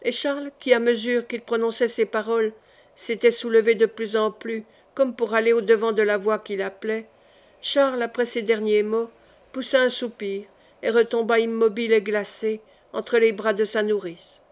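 Woman reading a novel aloud, higher voice. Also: flat delivery, normal speed. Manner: dramatic reading, raising her voice for shouted lines. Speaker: audiobook reader. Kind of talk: read-aloud audiobook narration.

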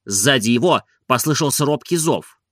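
Man, audiobook narration, animated, expressive, bright voice, dry close sound. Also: mid-range voice, normal speed, no room sound.

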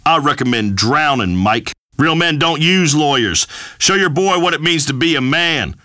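A blustering macho radio host. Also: male voice, fairly high pitch, lively intonation, normal speed, sharp tone, dry recording. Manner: blustering, pompous pronouncements. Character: boorish macho rural male radio host. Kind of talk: comedic talk radio monologue.

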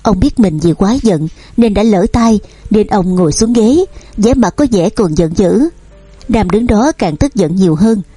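A woman reads a novel aloud in a steady storytelling manner. Her voice is mellow and a little husky. The recording is dry, with faint music underneath. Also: medium pitch, measured pace, dry recording. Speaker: audiobook narrator. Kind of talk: novel reading.

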